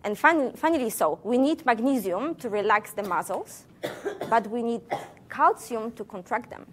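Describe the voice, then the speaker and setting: A woman's voice: fairly high pitch, expressive, moderate pace. Playful woman scientist quizzing her audience. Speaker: scientist giving a public lecture. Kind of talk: public science talk to a live audience.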